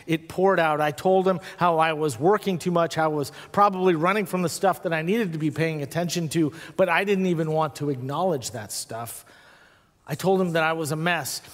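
A middle-aged man preaching a personal storytelling sermon, reflective, easing into soft hushed passages with slow pauses. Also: on the high side. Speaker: pastor. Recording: long hall reverb.

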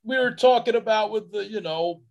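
A man's voice: high-pitched, fairly quick, vocal fry. A man in casual podcast chat, telling a loose, profane anecdote.

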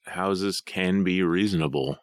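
A man co-hosting a podcast in a casual chat, rambling through long, drawn-out stories. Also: low-pitched, no room sound, studio quality. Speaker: podcast co-host. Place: home basement studio.

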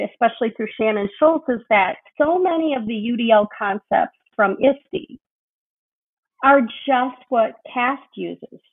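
A middle-aged woman speaks with an eager, earnest warmth about her teaching, breaking in with the occasional "um." Her voice sits a little high. It comes through a thin, tinny, phone-like line. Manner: earnest, enthusiastic, with frequent "um" fillers. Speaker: kindergarten teacher, interview guest. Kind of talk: conversational interview answers.

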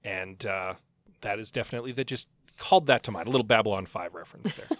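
Casting: man, bright forward voice, wry podcast co-host chatting about books, dry studio-close sound. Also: on the low side, quick pace, no echo. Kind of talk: casual book discussion.

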